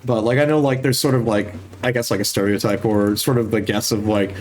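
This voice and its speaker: A man's voice: fairly low pitch, steady tone, fairly quick, darkish tone, slight background noise. A young man, a streamer and game master, chatting casually in a rambling, filler-heavy way and laughing easily. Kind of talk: casual chat.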